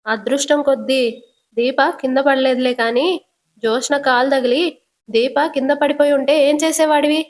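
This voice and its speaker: A stern, commanding middle-aged father, as a woman narrator puts him on, voiced a touch higher than her usual pitch. He presses his questions forcefully and refuses to back down, told as a spoken storybook retelling. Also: fairly even intonation, moderate pace, lightly acted.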